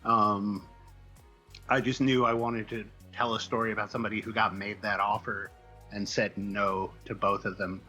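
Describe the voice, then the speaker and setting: A Midwestern American man, a comic book writer appearing as an interview guest, tells stories casually in a hesitant, wandering way. His voice sits lowish with little pitch movement and a sharp tone, at a moderate pace. Faint music plays behind him, and the audio is poor.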